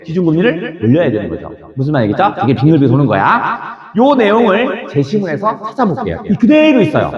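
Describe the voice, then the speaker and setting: High, lively male lecturer in an echoey room. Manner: lively, fires rhetorical questions, acts out quick dialogues, chuckles often. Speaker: Korean language exam lecturer. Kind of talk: classroom lecture. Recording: echoey room, dull lo-fi sound.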